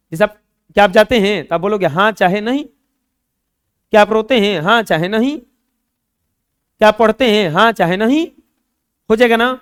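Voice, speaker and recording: Man teaching a class, clear voice. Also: very high voice. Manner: asks the class questions and answers them himself; drawls example words slowly. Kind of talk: classroom grammar lesson.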